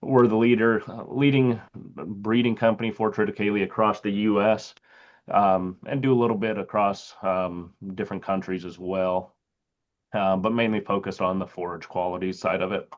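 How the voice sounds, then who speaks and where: This lo-fi recording has a somewhat low-voiced man speaking at a normal speed in an even tone. He's a seed company sales agronomist giving a slide presentation over a video call, with plenty of hesitant fillers.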